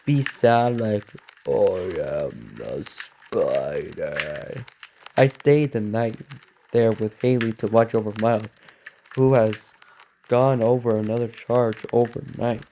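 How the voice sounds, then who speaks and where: A man reading a story aloud in a halting way, correcting himself and breaking off for quick reactions. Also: mid-range voice, warm tone, a little hiss or hum. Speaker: reaction video host.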